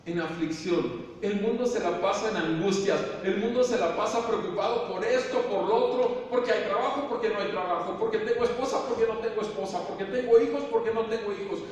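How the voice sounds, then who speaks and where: A Mexican pastor preaching with a high, carrying voice, asking one rhetorical question after another. He is picked up from far off in a big echoing hall with long reverb and a faint hiss of room noise underneath. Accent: Mexican Spanish. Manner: preaching with rhetorical questions, soft and slow at times. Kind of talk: sermon.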